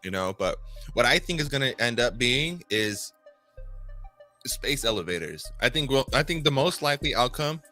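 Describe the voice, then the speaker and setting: A man's voice: medium pitch, very animated, moderate pace, bright, forceful tone, faint music behind. A man hosting a casual group chat about crypto, enthusiastic and rambling, laughing easily.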